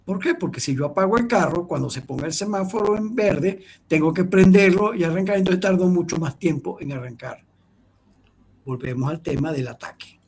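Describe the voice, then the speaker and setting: A middle-aged man lectures an online class in a gravelly, husky voice. He sits a little high for a man and rambles, restarting phrases and checking in with his listeners. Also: normal speed, a little mellow.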